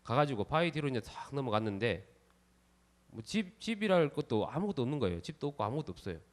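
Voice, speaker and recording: A man's voice: mid-range voice, quick pace. A man, a Buddhist monk, telling a story during a sermon and acting out the people in it. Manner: lively storyteller, acts out the characters in the tale. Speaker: Buddhist monk giving a dharma talk.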